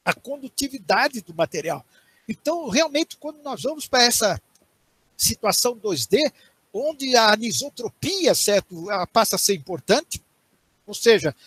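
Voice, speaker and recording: An older professor with a Brazilian Portuguese accent speaks over a headset on a video call from a small home study. His voice sits high for a man and has a husky edge. He explains in a steady teaching manner and keeps checking that his listeners follow. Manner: explanatory, tags phrases with "certo?" and "né?", frequent restarts. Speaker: university professor giving a guest lecture. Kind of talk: online lecture answering audience questions.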